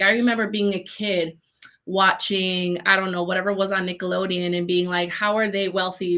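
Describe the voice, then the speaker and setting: In a relaxed video call interview, the guest is a young woman who leads a community leadership program, born in Chicago and raised in Minnesota. Her lowish, slightly bright voice comes across as earnest and upbeat, peppered with frequent fillers.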